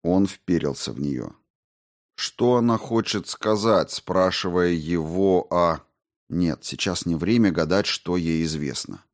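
A man narrating an audiobook in a measured, even storytelling manner. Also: low voice. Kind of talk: scripted narration.

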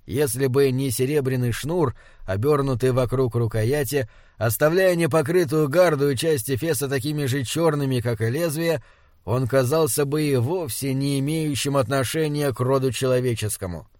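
A man narrating an audiobook in a measured, descriptive way. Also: medium pitch, darkish tone, no room sound, studio quality.

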